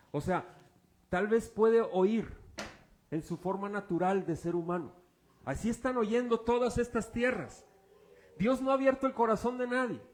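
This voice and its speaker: With a high, slightly mellow voice and a little hiss or hum in the sound, a man preaches as pastor. His style is relaxed and humorous, relying on object illustrations and fill-in-the-blank questions for the congregation.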